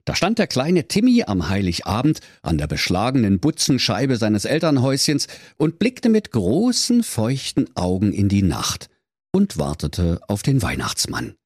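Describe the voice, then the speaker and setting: Mock-solemn, husky male narrator. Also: lowish voice, huge pitch swings, a little slow, a little mellow, no room sound, clean studio sound. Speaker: podcast host and narrator. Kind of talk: comic fairy-tale narration.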